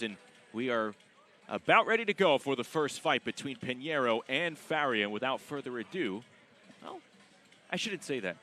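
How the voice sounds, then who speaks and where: A man's voice: medium pitch, bright, forceful tone. A man hosting a boxing broadcast with polished live sports commentary.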